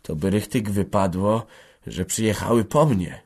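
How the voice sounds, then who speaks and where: A man voicing an anxious peasant who speaks in an uneasy, hushed way. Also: on the low side, unhurried, slightly rough.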